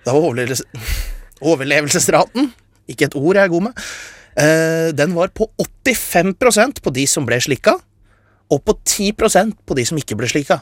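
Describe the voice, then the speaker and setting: A man's voice: on the high side, expressive, no room sound, studio quality. A man hosting a radio show, explaining science in a casual chat and getting carried away with enthusiasm. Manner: enthusiastic, gets carried away and talks fast.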